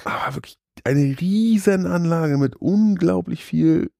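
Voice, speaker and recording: A man's voice: high-pitched, unhurried, gravelly, dark tone, no room sound, studio quality. A man chatting casually and enthusiastically. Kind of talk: casual chat about theme parks.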